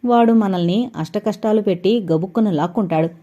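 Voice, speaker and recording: A woman's voice: medium pitch, a little fast, dark tone, muffled recording, close to an everyday voice. A woman voicing a timid, naive young man who asks fearful questions. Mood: scared.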